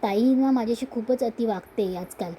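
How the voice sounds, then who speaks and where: A woman's voice: fairly high pitch, normal speed, warm tone, slight background noise, lightly acted, low-quality recording. A woman voicing a spoiled, resentful young woman who sulks and accuses her elder sister. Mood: brooding. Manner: sulky, accusing.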